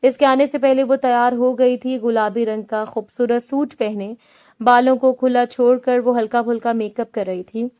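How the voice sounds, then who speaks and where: A woman narrating a romantic novel in a steady storytelling manner. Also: a little high. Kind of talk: scripted narration.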